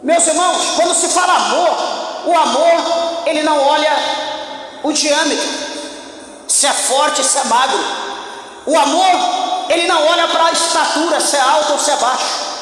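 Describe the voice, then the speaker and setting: A man's voice: very high voice, normal speed, long pauses, a bit bright. A man with a Brazilian Portuguese accent preaching a sermon as pastor, emphatic and repetitive in his build-ups. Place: church hall. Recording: echoey hall with long reverb, faint noise.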